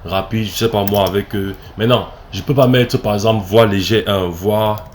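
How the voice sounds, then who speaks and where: Very low-voiced Cameroonian man coaching. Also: fairly even intonation, moderate pace, slight background noise. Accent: Cameroonian French. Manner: explains step by step, many fillers and restarts, often checks "ok?". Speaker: acting coach. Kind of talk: screen-recorded tutorial.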